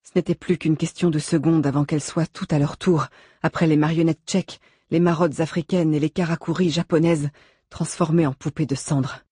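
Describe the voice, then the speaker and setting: Audiobook narrator, suspenseful measured delivery, husky texture, dry booth sound. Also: mid-range voice, fairly even intonation, warm tone, dry recording.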